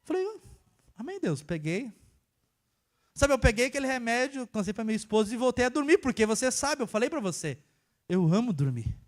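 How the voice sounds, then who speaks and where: A young man from preaching a casual sermon, telling a personal story and swinging between hushed and emphatic delivery. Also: very high voice, very animated, a little fast. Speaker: church worker preaching.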